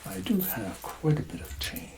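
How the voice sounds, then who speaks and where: In a soft-spoken ASMR roleplay, a man plays a tax collector at a normal speed, sounding hesitant and conspiratorial and often slipping into whispers. Background noise is audible.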